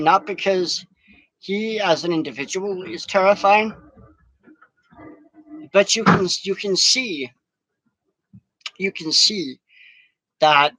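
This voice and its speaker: A man gives a rambling, profane vlog monologue outdoors in the wind. His voice sits high. The sound is dry and close. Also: a bit bright, no echo, rough recording. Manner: profane, ranting.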